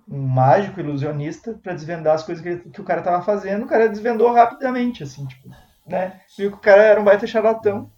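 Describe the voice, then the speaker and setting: A man from Brazil co-hosting a casual podcast, telling a long anecdote in a loose, meandering way full of restarts. His tone is warm and mellow, and the room around him sounds noticeably echoey. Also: on the high side, muffled recording, a little hiss or hum. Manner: rambling storyteller, many restarts and tag questions. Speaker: podcast co-host. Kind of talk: casual chat.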